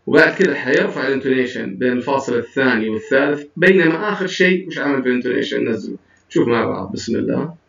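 A man's voice: mid-range voice, vocal fry, far from the mic. Man teaching English, heard from off-mic. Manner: explains in a mix of Arabic and English with counted pauses. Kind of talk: recorded classroom lesson. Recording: dull, roomy sound from off-mic.

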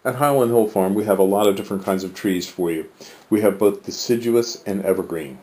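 A man's voice: lowish voice, a little fast, warm tone. A man narrating a promotion for his tree nursery, reading through a long list of plants.

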